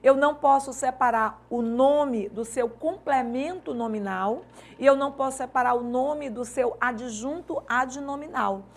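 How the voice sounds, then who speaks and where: Gravelly-voiced woman teaching a grammar lesson. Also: high voice, a little slow. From Maranhão, Brazil. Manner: explanatory, uses rhetorical questions and checks like "certo?". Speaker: Portuguese language teacher. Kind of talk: online exam-prep lesson.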